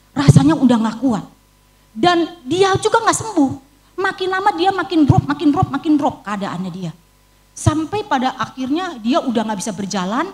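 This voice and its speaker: Her voice is high-pitched with a darkish tone: a middle-aged evangelist with an Indonesian accent, emotionally narrating her personal story within a sermon. Along the way she quotes prayers she herself spoke.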